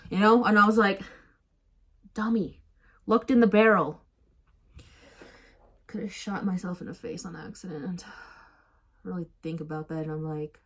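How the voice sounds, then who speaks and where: A young adult woman telling a story in a casual vlog, rambling and self-mocking, with lots of fillers. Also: mid-range voice. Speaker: vlogger.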